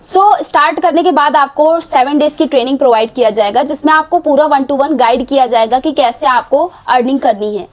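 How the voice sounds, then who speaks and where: A young woman casually pitching online course packages, persuasive and repetitive, mixing English words into her Hindi. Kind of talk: casual sales pitch to camera.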